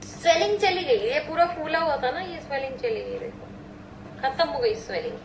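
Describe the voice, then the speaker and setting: Woman doctor-vlogger, middle-aged, very high, playful, roomy echo on the recording. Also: lively intonation, normal speed, background noise. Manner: chatty, giggly, tells stories playfully. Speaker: doctor and vlogger answering live chat questions. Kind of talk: casual live chat.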